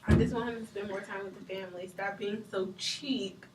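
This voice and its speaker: A woman plays a frustrated, curt wife airing grievances in counseling. Her voice is mid-pitched and sounds distant in a reverberant room with faint noise. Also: fairly even intonation, fairly quick, natural voice. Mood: earnest. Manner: curt, aggrieved. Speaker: wife in counseling role-play. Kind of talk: amateur improvised role-play.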